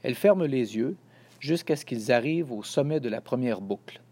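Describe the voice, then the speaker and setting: A man calmly reading a children's storybook aloud. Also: medium pitch, normal speed. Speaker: narrator. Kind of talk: scripted storybook narration.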